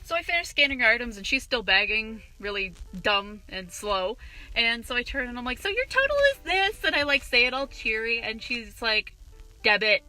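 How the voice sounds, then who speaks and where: Young woman vlogger, sharp bright tone, slightly high, indignant profane rant. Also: moderate pace, faint music behind, rough recording. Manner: profane, indignant, animated retelling. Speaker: vlogger, cashier. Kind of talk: ranting vlog storytelling.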